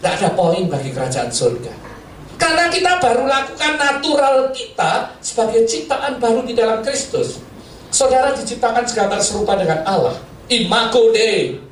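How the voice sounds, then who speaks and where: Animated storytelling male pastor. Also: very high voice, moderate pace, recorded from a distance. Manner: animated, laughs often, acts out dialogue. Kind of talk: sermon with humorous storytelling. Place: church hall. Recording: roomy hall, mic from afar, faint noise.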